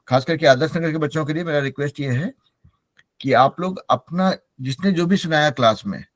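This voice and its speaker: A man's voice: on the high side, no room sound. A middle-aged man, a native Hindi speaker, teaching an online English class and mixing Hindi with English as he encourages his students.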